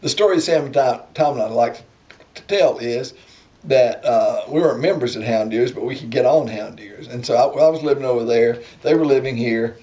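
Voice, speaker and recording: A man's voice: mid-range voice, normal speed, warm tone. Older Appalachian man swapping stories. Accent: Appalachian Southern American. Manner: folksy, rambling anecdotes. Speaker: storyteller sharing family memories. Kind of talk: casual reminiscing conversation.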